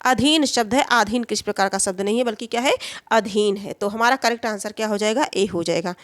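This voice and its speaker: A woman's voice: medium pitch, fairly quick, fairly bright tone, dry recording. A woman teaching a Hindi spelling exam lesson, who repeats each answer and asks and answers her own questions.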